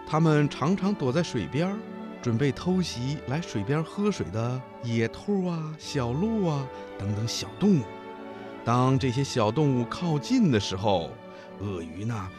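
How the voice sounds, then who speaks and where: Animated man reading as if to a toddler. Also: mid-range voice. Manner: talking as if reading to a toddler, with drawn-out words and gentle questions. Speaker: children's radio storyteller. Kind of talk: scripted educational narration for small children. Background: background music.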